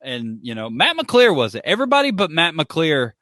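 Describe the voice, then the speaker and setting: A man hosts a casual podcast in a high, lively voice that swings up and down. He is teasing and exclamatory, with a bright, forceful tone and a close, dry sound. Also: moderate pace, no room sound. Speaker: podcast host. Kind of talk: casual, joking podcast chat.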